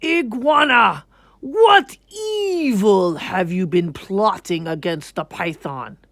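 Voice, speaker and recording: A woman's voice: mid-range voice, expressive, no echo, studio quality, exaggerated voice. A woman voicing a stern, commanding lion king in a folktale, with emphatic, accusing delivery. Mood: stern, demanding. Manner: loud, emphatic, drawn-out, accusing.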